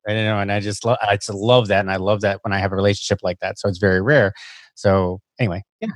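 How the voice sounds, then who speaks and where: Earnest man, dry close sound, slightly low. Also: steady tone, fast, no echo. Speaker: podcast guest. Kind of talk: casual interview conversation.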